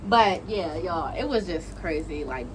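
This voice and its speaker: With a crowd behind her and poor audio, a young adult woman who makes online videos tells a casual, gossipy story in slang, acting out what people said. Her voice is fairly low and expressive, and she speaks at a measured pace.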